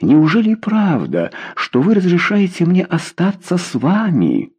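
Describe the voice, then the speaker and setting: A man's voice: sits high, wildly swooping pitch, a little slow, darkish tone, breathy edge, pitched above the performer's own voice, full character voice. A man voicing a passionate young suitor who pleads ardently, in a read-aloud story. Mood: eager. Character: bold, passionate young male suitor Gazhier.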